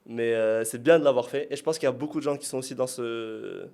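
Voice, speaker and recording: A man's voice: medium pitch, fast talker, vocal fry, a little mellow. A man talking on a casual podcast with his business partner, hesitant and rambling, laughing at himself.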